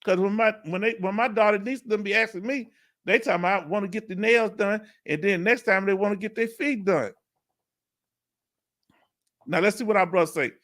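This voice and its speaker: Middle-aged man, Houston Texas accent, casual livestream host, easygoing and talkative, fairly high voice. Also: moderate pace, a bit bright. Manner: laid-back, chatty, laughs often. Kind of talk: casual live Q&A chat.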